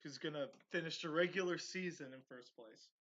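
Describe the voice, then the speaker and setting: Brash podcast host, slightly high voice. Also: male voice, fairly quick. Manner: brash, swears in banter, then steady analysis. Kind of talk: casual sports podcast chat. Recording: dull lo-fi audio.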